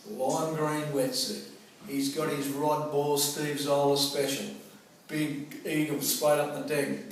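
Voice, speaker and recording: Here a storyteller, a middle-aged Australian man with a slightly high voice, spins an animated personal anecdote in colloquial, theatrical style, performing the dialogue he remembers. The recording is roomy and echoing, from a noisy, far-off mic.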